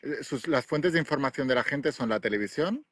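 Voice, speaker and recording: A man's voice: mid-range voice, expressive, brisk, fairly bright tone, husky, dry recording, studio quality. A man, hosting and talking assertively on a phone call outdoors. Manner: assertive, coaching. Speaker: host. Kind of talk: video call interview. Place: outdoors by the sea. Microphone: phone at arm's length.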